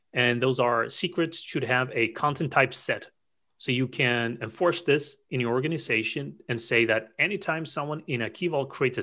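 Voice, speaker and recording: A man's voice: mid-range voice, sharp tone. A man explaining cloud security settings as an expert guest, enthusiastic and packing in lots of detail. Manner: enthusiastic, rapid-fire explainer. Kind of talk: technical explanation in conversation.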